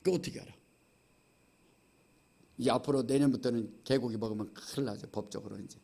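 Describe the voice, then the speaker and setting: A man's voice: medium pitch, brisk, vocal fry, warm tone. A middle-aged male pastor from Chungcheong, with a Chungcheong accent, preaching an emphatic sermon and often prodding the congregation. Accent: Chungcheong Korean. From Chungcheong, Korea. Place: church sanctuary.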